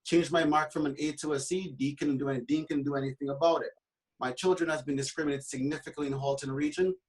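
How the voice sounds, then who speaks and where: A man's voice: fairly high pitch, steady tone, quick pace, rough recording. Passionate man from Trinidad and Tobago. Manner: passionate, many fillers and restarts. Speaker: realtor guest on a panel. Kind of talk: earnest panel discussion.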